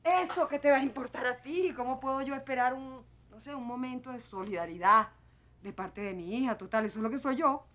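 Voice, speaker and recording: A woman's voice: high voice, brisk, fairly bright tone. An actress with a Venezuelan accent playing a hurt, proud middle-aged mother who turns cutting and sarcastic toward her daughter in a telenovela. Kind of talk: telenovela acting.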